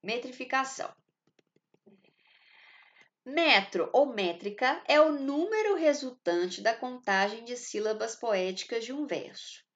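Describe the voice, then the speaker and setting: A woman's voice: a little high, lively intonation, unhurried, dull audio. Brazilian woman teacher checking in often. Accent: Brazilian Portuguese. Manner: explanatory, checks in often with short tag questions. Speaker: literature teacher. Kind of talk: recorded class lesson.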